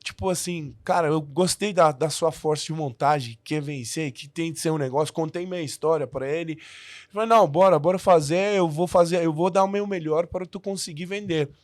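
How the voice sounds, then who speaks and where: A man who learned the language as an adult tells his story as a podcast guest, casually and with many restarts and fillers. His voice is slightly high and a little fast. The studio recording is clean, with no room sound.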